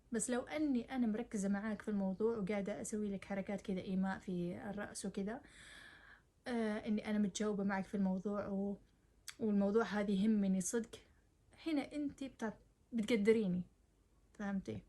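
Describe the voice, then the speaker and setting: A woman's voice: mid-range voice, quick pace, dark tone. A young woman, giving casual advice to the camera in a chatty, direct way and mixing in English words. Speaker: advice vlogger.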